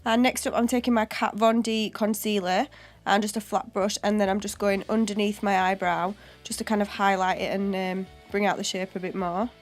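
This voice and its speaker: Over soft background music, a young woman narrates a makeup tutorial through a home voiceover mic at normal speed. Her voice is medium in pitch, level in tone, and cold and chesty. As a beauty vlogger, she's casual and chatty, walking through each step.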